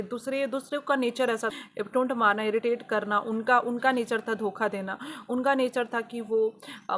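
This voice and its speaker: A woman's voice: on the high side, fairly bright tone, a little hiss or hum. A woman vlogger telling a personal healing story in an earnest, confessional way, often repeating phrases for emphasis. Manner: spiritual, devotional.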